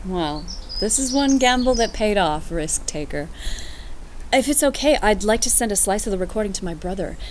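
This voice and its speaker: An actress gives a natural, animated, mid-range performance at a moderate pace as an affectionate female commander from another world in a science fiction audio drama. She sounds wry, gracious, playful, fond, and teasing, with a little hiss or hum in the recording.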